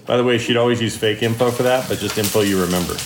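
A man's voice: on the low side, very fast. A middle-aged American man co-hosting a casual podcast, joking and teasing, in an echoey kitchen. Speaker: podcast co-host. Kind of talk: casual chat. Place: home kitchen. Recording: echoey kitchen with background noise.

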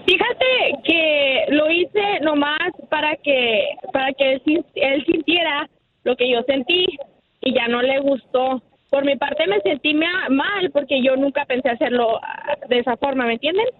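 Hesitant woman caller on a tinny phone line. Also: high-pitched. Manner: hesitant, halting speech. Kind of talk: phone call to radio show.

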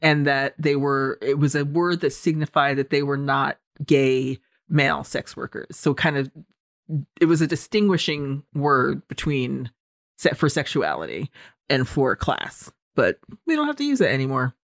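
A woman's voice: a bass voice, lively intonation, moderate pace, no room sound. Woman explaining films in dry close sound. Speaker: film podcast co-host. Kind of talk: conversational film commentary.

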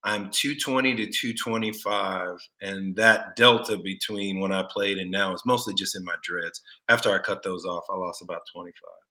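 Bright-voiced easygoing man from Texas. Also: sits low, steady tone, moderate pace. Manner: easygoing, laughs easily. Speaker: podcast guest, former football player. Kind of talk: casual interview chat.

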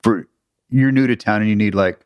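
A man's voice: lowish voice, a little fast, clean tone, dry recording, muffled recording. A middle-aged man co-hosting a podcast in casual chat, easygoing with a dry sense of humor. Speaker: podcast co-host.

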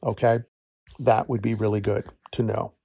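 Man, podcast host, casual rambling advice, gravelly, dry close recording. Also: on the low side, level tone, normal speed, warm tone, no echo. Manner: rambling, conversational, laughs often, self-corrects. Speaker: nature program director, podcast host.

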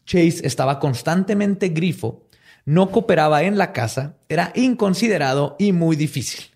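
A man's voice: fairly high pitch, animated, moderate pace, a little mellow. A man with a Mexican Spanish accent hosting a podcast, telling a story in a jokey, slangy way and laughing often. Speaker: podcast host. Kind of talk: casual storytelling chat.

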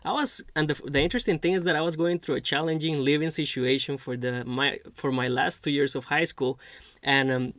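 A man in his twenties who grew up in Costa Rica, hosting a podcast interview in an earnest, halting way with many restarts. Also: on the high side, steady tone, a bit bright, no room sound. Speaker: podcast host. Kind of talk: casual interview chat.

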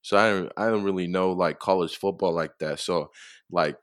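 Young man from tonga, low smooth voice, halting answers with lots of uh and like. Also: steady tone, no room sound, clean studio sound. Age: young adult. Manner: soft-spoken, hesitant, many fillers and chuckles. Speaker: football player guest. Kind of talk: casual interview answers.

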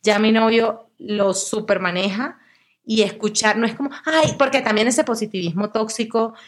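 A woman's voice: fairly high pitch, normal speed. A young woman from Venezuela, a guest and actress, chatting casually in an interview and telling stories with quoted voices. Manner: lively storytelling, acts out quoted voices.

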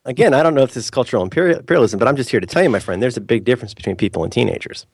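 Lively Midwestern man, dry teasing wit. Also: mid-range voice, very fast, breathy edge, no echo. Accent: American Midwestern. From American Midwest. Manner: dry, playful teasing with mock-serious asides. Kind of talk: casual comedic chat.

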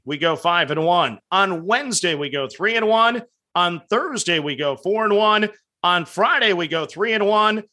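A man's voice: high voice, sharp tone. A man hosting a sports betting podcast, upbeat as he rattles off results and stats. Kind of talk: solo podcast recap.

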